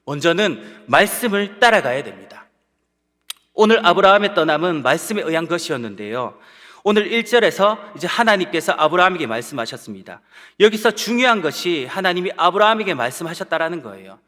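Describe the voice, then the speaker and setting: A man's voice: sits high, big pitch swings, a little fast, pushed and bright. A man preaching a Sunday sermon as pastor, earnest and putting rhetorical questions to his congregation. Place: church sanctuary. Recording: long church-hall reverb.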